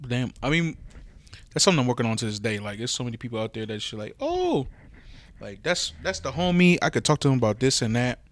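A young man co-hosting a podcast, talking in quick slangy asides that sometimes drop into a mumble. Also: mid-range voice, very animated. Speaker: podcast co-host. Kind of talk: casual podcast banter.

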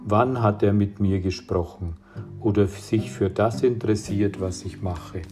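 A man's voice: on the low side, fairly even intonation, unhurried, music in the background, lightly acted. A man reading aloud as a distraught teenage boy who ran away, tearful and bitter.

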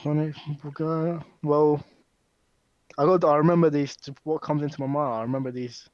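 A man's voice: on the high side, flat delivery, normal speed, a little mellow, dry recording, dull audio. A young man co-hosting a podcast, chatting casually and reacting with short agreements. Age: young adult. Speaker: podcast co-host. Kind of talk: casual chat.

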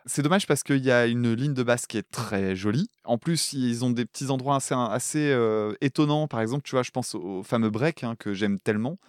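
Animated French man chatting about music. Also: mid-range voice, fairly quick, hardly any pauses, no echo, clean studio sound. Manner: animated, laughs often, swears casually. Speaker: podcast co-host; schoolteacher. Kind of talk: casual chat about music covers.

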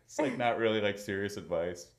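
A man's voice: lowish voice, brisk. A young man hosting a podcast in casual chat, telling stories with lots of laughter. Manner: animated storytelling, laughs often. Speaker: podcast host.

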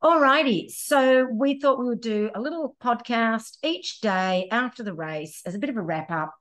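A woman's voice: fairly high pitch, expressive, normal speed, a bit bright. An Australian woman hosting a podcast, chatting casually and upbeat, with easy laughs and plenty of fillers, in a cabin. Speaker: podcast host and running coach. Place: indoors in a cabin.

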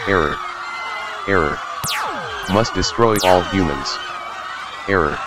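A malfunctioning robot with a glitching voice, deep and dragging as it flatly repeats its error words. It is bent on destroying humans. Electronic music pulses clearly behind it. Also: male voice, takes it slowly. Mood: menacing.

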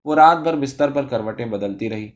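A man reading a story aloud as narrator in a steady, even manner. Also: mid-range voice, highs cut off.

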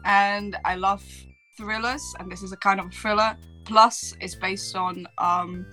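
A woman's voice: medium pitch, fairly even intonation, measured pace, sharp tone, soft background music. A woman from the Czech Republic with a Czech accent, a native Czech speaker chatting casually as a podcast guest. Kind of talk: casual chat.

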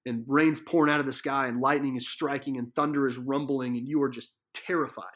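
A man's voice: medium pitch, steady tone, a little fast, fairly bright tone. A man giving a casual devotional Bible teaching from a living room, telling the story vividly and earnestly, with many fillers and restarts.

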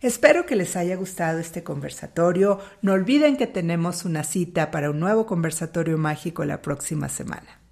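Female host, Latin American Spanish accent. Deep register, gravelly edge, informal spiritual teaching, unhurried and deliberate. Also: a little mellow. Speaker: host of a spiritual talk series. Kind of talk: informal spiritual talk to listeners.

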